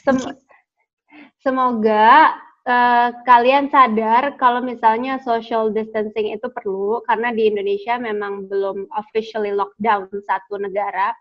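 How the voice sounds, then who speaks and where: Woman guest, slightly high voice, chatty and hesitant, laughs often; dull lo-fi video call audio. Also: fairly even intonation, measured pace. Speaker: interview guest, actress. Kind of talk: casual video call interview. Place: home during lockdown.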